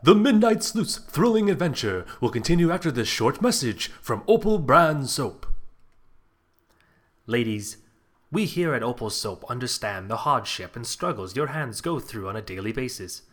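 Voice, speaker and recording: A man playing a smooth, booming announcer reading a vintage radio soap commercial. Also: big pitch swings, normal speed. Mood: salesy.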